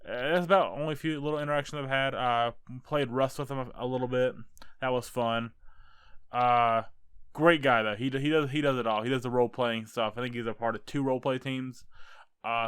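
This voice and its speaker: A man's voice: mid-range voice, a bit bright, clean tone, no room sound, studio quality. A young American man casually ranking fellow creators, rambling and joking as he goes. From United States. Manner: rambling, self-correcting, jokey. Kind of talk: casual tier-list commentary.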